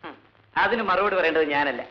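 A man's voice: on the high side, animated, a little fast, heavy background noise, lightly acted. An actor playing a stern male police officer who lectures a prisoner. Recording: dull old film soundtrack.

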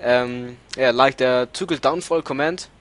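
A man's voice: medium pitch, measured pace, dry recording. A man with a German accent, a native German speaker, hosting a casual multiplayer gaming chat and searching for words in English. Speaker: server owner and let's-play host.

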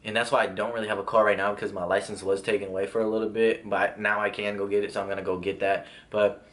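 A man's voice: lowish voice, little pitch movement, fast talker, a bit bright. A young man casually telling a personal story, rambling with restarts and lots of filler words. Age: young adult. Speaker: vlogger.

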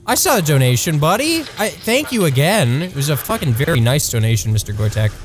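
A man streaming a video game live, reacting loudly, laughing at his own mistakes and swearing casually as he goes. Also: fairly quick. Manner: excitable, jumps to high-pitched yelps when thanking subscribers. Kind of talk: live gameplay commentary.

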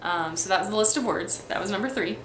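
Fast and medium-pitched, a young woman from Texas and Missouri, US, talks through a casual accent tag vlog on her webcam. Her light Midwestern accent comes through as she rambles, chatty and full of ums and restarts. She's a young adult, recording indoors in a roomy bedroom, where a faint ambient hiss lingers.

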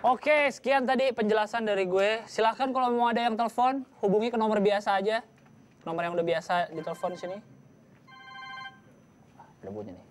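A man playing a cocky young radio DJ who talks fast and teases callers. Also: high-pitched, lively intonation. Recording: crowd and loud noise.

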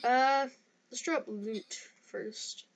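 A woman's voice: a little high, fairly even intonation, extremely slow. A young woman casually chatting while playing a game, hesitant and restarting her sentences. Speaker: gaming youtuber. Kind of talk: casual gameplay chat.

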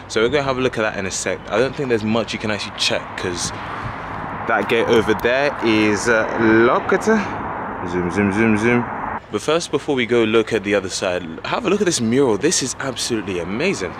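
Holding his camera out at arm's length, a young man in his twenties vlogs his walk through the city with casual enthusiasm, talking fairly quickly in an expressive, fairly low voice. Heavy traffic and street noise come through loudly.

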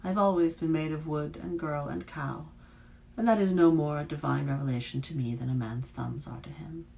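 Fierce bitter huldra girl, woman reading her, sharp, slips into a hush. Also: low voice, fairly even intonation, moderate pace, vocal fry. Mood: wry, bitter.

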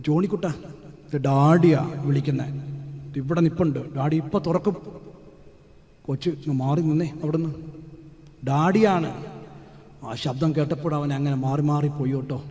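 A male priest giving a sermon in a storytelling way, with sudden loud, emphatic outbursts. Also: high-pitched. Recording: long hall reverb.

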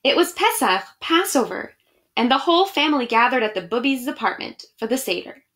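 An education director hosts an online storytime from a small room at home, reading picture books aloud and chatting in a friendly, expressive way with children. Her voice sits on the high side, swings widely in pitch, and moves fairly quickly with a slightly bright tone.

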